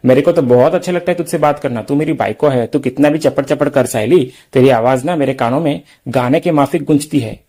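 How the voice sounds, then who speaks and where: A man's voice: medium pitch, a little fast, few pauses, warm tone, natural voice. A man reading a joking young husband. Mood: teasing. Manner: playful teasing banter.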